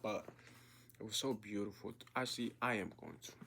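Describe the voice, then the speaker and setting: A man's voice: on the low side, fairly even intonation, a little fast, creaky, bright, forceful tone, slight background noise. A man casually reading a novel aloud and talking about it in an earnest, emotional and slangy way. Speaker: book reader and commentator.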